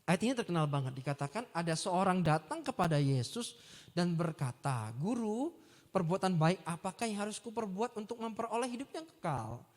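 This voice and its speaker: Lively man preaching in a reverberant hall. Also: high voice, moderate pace. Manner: animated, chatty, acts out quotes. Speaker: youth preacher. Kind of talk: lively youth sermon. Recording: long church reverb.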